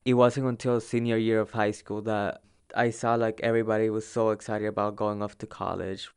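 A young man from El Salvador, a native Spanish speaker, telling his own migration story for an oral history in a halting way full of fillers. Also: on the low side, level tone, a little mellow, smooth. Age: young adult.

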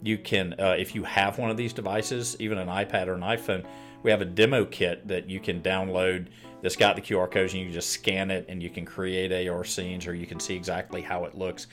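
A man with a very deep voice, chatting easily as a guest on a podcast. He speaks plainly and comes back to the same point to press it home. Faint music plays softly behind him. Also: fairly quick. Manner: relaxed, plain-spoken, repeats himself for emphasis. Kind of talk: casual interview chat.

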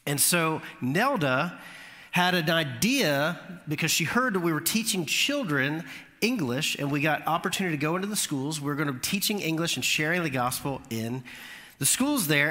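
A man preaching a sermon, telling a lively story and rising in pitch at the funny moments. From Florida. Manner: animated storytelling, voice climbing high at punchlines. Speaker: pastor. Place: church sanctuary. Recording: long hall reverb.

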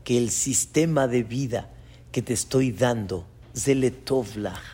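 A man voicing a soft, low fatherly God. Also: measured pace, slightly rough. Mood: tender. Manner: soft, low, gentle reassurance. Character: God, a calm fatherly male deity.

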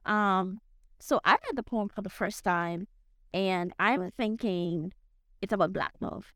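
A woman's voice: mid-range voice, slow, fairly bright tone, no room sound, studio quality. A woman hosting an interview in a casual, enthusiastic, chatty style. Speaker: interviewer, host.

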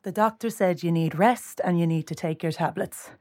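A woman's voice: fairly low pitch, moderate pace, dark tone, lightly acted. A woman with an Irish accent playing a busy, blunt young care worker in a naturalistic audio drama. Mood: brisk, harried.

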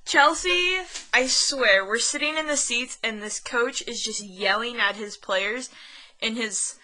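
A young woman with a bright, ringing voice, chatting loosely as a podcast co-host. She rambles, corrects herself mid-sentence and laughs easily at her own slips. Her voice sits a little high. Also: unhurried. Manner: rambling, self-deprecating, laughs often. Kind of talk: casual chat.

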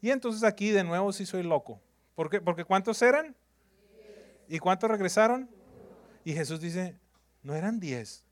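High-voiced preaching pastor, call-and-response. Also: male voice, normal speed, pauses often. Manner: preaches with call-and-response, shifting between loud proclamation and soft asides. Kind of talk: sermon.

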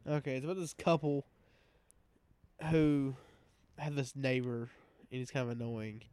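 A man's voice: mid-range voice, measured pace, a little mellow, clean tone, dry recording. A man co-hosting a casual podcast, reacting with frequent laughs as he recounts comedy skits. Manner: laughs often, short reactions. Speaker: podcast co-host. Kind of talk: casual chat reviewing a comedy show.

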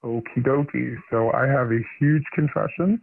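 A woman calling in to a radio show, her voice pitched down deep by a voice changer. She talks in a chatty, playful way as she builds up to a confession. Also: normal speed, creaky, slightly rough, no room sound. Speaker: anonymous caller. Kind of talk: casual radio call-in chat. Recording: tinny phone line with crowd noise.

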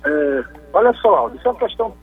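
A man calling in to a radio show to explain technology topics, heard over a phone line, speaking in a measured, explanatory way with frequent restarts. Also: sits high, sing-song, darkish tone, husky, faint music behind.

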